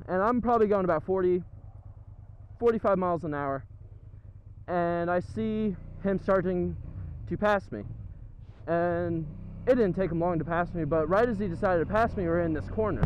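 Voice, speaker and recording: A young American man with a fairly high voice rambles casually through a story from inside his motorcycle helmet. The sound is muffled, with heavy vehicle noise running behind him. He talks loosely and swears freely, like a rider vlogging on the road. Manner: rambling, casual, foul-mouthed. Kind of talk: casual storytelling while riding. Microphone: helmet-mounted microphone.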